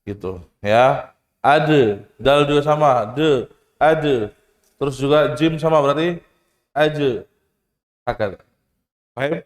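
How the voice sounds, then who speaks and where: Slow-talking man teaching Quran recitation, echoey hall. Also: fairly high pitch. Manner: slow, repetitive, questioning the class, demonstrates recitation; casual, joking asides. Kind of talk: tajwid lesson to students. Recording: echoey hall with long reverb.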